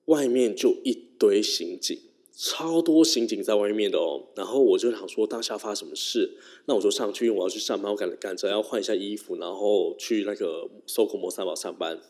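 A man telling a personal story casually, rambling and correcting himself as he goes. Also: fairly low pitch. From Taiwan. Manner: rambling, self-correcting, animated. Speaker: YouTuber. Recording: long reverb.

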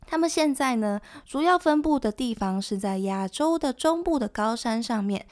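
A woman giving scripted nature documentary narration as a presenter, explaining things in a conversational way with soft sentence particles. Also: on the high side, lively intonation, normal speed. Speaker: presenter of an animal education show.

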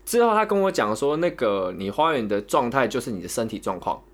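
A man's voice: mid-range voice, brisk. A young man with a Taiwanese Mandarin accent, casually telling a long story on a podcast, rambling and repeating words as he goes. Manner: rambling, repeats words, animated when retelling. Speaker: podcast co-host.

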